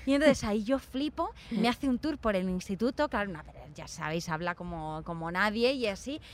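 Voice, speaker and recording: A woman's voice: medium pitch, fairly quick, background noise. Chatty young Spanish woman telling stories. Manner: animated storyteller acting out quoted voices. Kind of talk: casual chat.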